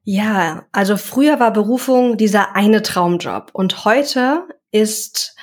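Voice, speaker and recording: A young woman, a self-employed coach, talks slowly and reflectively as a guest in a casual interview, often searching for words. Her voice is mid-range and a little mellow.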